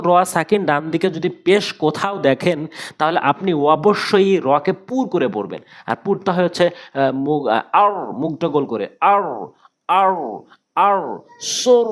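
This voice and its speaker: Man teaching Quran pronunciation, repeating sounds. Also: on the high side. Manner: speaks directly to viewers, checks understanding. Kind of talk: step-by-step pronunciation lesson.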